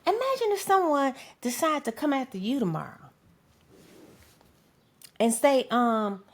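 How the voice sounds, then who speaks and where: A woman's voice: sits high, very animated, a little slow. A woman giving an impassioned opinion monologue as a political commentator, emphatic and profane, punctuating points with a pointed "okay?".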